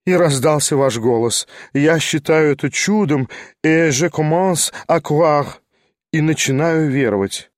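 A sentimental older gentleman with gray hair, played by a male reader speaks in hushed, faltering phrases that rise into fervor. The voice sits slightly high for a man. It is recorded close and dry, like a storybook reading. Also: unhurried, no echo, natural voice. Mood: fervent. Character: aging sentimental gentleman, gray-haired, emotional and wavering.

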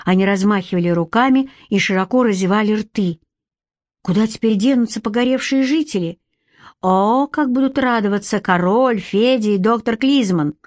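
A woman's voice: mid-range voice, moderate pace, a little mellow, dry recording. Woman reading an audiobook, dry sound. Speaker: audiobook reader. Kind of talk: audiobook narration.

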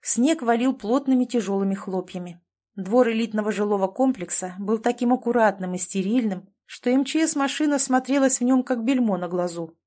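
A woman narrating a novel in a measured, expressive audiobook reading. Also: a little high.

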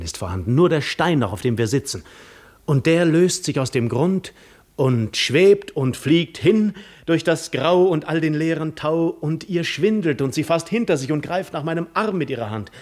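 A male actor delivers a monologue in a 1950s German radio play, portraying a restless seafarer full of longing and lost in reverie. His mid-range voice sits close to everyday speech, and his lyrical, dramatic reading swings between hushed and fervent, with a rapt mood.

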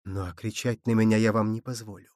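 A man voicing a self-assured young mother who speaks firmly and with quiet command. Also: fairly low pitch, steady tone, fairly quick, dry recording, studio quality, voice pushed down, natural voice. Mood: defiant. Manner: firm, quietly assertive.

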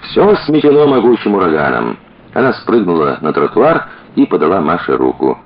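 Male audiobook narrator; low voice, expressive lively reading, dull lo-fi recording. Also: normal speed.

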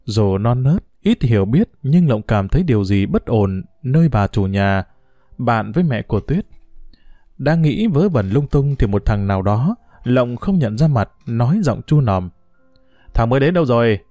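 A man reads a story aloud in a steady, even storytelling manner. His voice is warm and mellow, recorded dry and close, with faint music underneath. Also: mid-range voice, unhurried, no echo. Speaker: narrator. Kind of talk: audiobook narration.

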